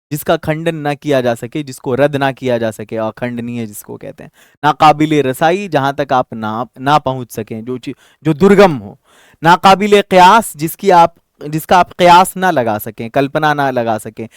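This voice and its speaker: A man's voice: on the high side, no echo, studio quality. A man teaching an online Urdu vocabulary lesson for exam candidates, going word by word, repeating terms and checking in with "okay". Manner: explains word by word, repeats terms, mixes Hindi, Urdu and English; frequent fillers and "theek hai" check-ins.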